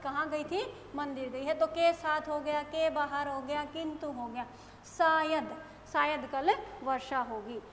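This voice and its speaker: A woman's voice: high-pitched, fairly bright tone. A woman teacher giving a grammar lesson to young pupils, often asking questions and answering them herself. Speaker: school teacher. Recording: echoey classroom with long reverb, faint noise.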